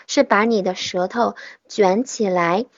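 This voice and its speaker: A woman teaching English pronunciation in an online lesson, patiently modelling sounds slowly and repeating them. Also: medium pitch, fairly even intonation, no echo, muffled recording.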